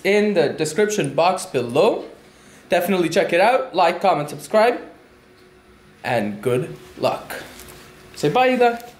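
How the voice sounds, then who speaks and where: Man, casual vlog, self-mocking and jokey, a bit high-pitched, echoey room. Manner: playful, self-mocking, laughs often. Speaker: vlogger. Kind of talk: casual vlog, joking infomercial opening. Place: at home with a pet.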